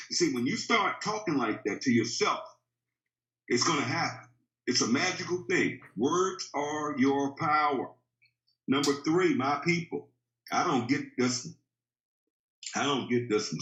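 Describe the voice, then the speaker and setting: A man's voice: medium pitch, fairly bright tone. A man in his fifties giving a motivational sales-training talk, emphatic and preachy, firing off rhetorical questions. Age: 50s. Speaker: network marketing trainer. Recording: roomy, slightly dull recording.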